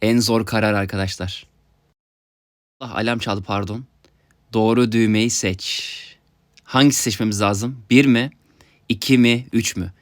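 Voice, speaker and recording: A young man giving excited let's-play commentary, talking to his viewers and yelping at his mishaps. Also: on the low side, normal speed, long pauses, no room sound, studio quality. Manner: excitable, yelps and laughs at mishaps, talks to viewers. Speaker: gaming YouTuber.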